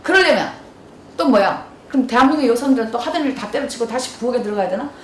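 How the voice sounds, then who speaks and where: Woman lecturer talking fast, asks the audience stuff, echoey room, mic kinda far. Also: on the high side, expressive, slight background noise. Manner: storytelling, asks the audience questions. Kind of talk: lively lecture with acted dialogue. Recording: roomy hall from far off.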